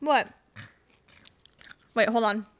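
A woman's voice: a little high, extremely slow, a bit bright, a little hiss or hum. A young woman co-hosting a podcast, talking casually, joking and swearing freely. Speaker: podcast co-host. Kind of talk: casual chat.

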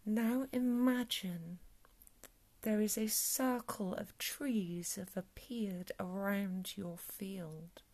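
Whispering woman, very slow. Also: medium pitch. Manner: soft whispering, calm and soothing. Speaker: meditation guide. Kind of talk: guided meditation ASMR.

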